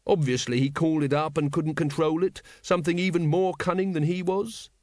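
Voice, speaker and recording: A man voicing a nervous palace secretary who schemes while sounding placating and earnest. The voice rides higher than the narrator's own, dry and close. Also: fairly even intonation, brisk, a little mellow, dry recording, natural voice.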